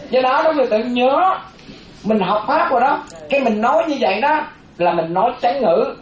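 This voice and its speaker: A Buddhist monastic woman, giving a lively dharma talk and often asking the audience questions. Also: a little high, normal speed. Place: hall with a seated audience. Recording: roomy, dull sound with faint audience.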